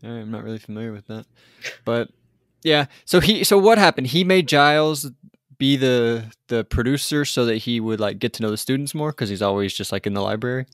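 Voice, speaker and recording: In a dry, studio-quality recording, a man with a mid-range voice speaks briskly as a podcast co-host. He casually recaps a TV episode, rambling with many fillers and restarts.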